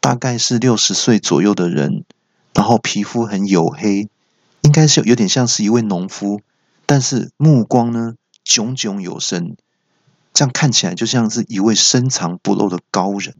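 A man hosting a comedy podcast, telling a comic story in an animated, playful way and stammering for effect. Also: on the low side, normal speed, vocal fry, no room sound, lo-fi sound. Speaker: podcast host.

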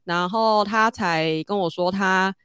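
A woman, telling a story in casual chat and growing animated as she goes. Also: slow pace, smooth, no echo, studio quality. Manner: animated, rises high when excited.

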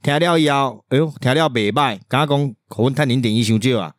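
A man's voice: medium pitch, brisk, dry recording, clean studio sound. A man with a Taiwanese accent co-hosting a podcast, telling stories in a colloquial mix of dialect and Mandarin. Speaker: podcast co-host. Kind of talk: casual storytelling chat.

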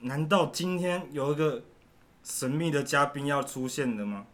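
A man's voice: on the high side, normal speed, fairly bright tone. A man hosting a casual comedy podcast, teasing his guest and playing the straight man. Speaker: podcast host.

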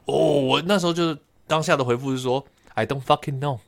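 A man's voice: medium pitch, fairly quick, creaky. A young man with a Taiwanese Mandarin accent, co-hosting a casual podcast chat, telling stories and reading out dictionary entries. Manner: chatty storyteller, reads out dictionary entries. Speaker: podcast co-host.

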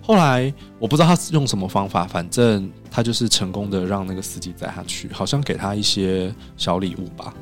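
A man with a fairly low voice tells anecdotes in a recording studio, acting out what other people said. He talks fast in an animated way. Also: soft background music. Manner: animated, acts out quoted dialogue. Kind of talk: casual podcast storytelling.

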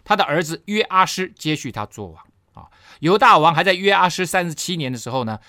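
Lively man teaching the Bible. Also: a little high, a little fast, no room sound, clean studio sound. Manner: lively, repeats phrases for emphasis.

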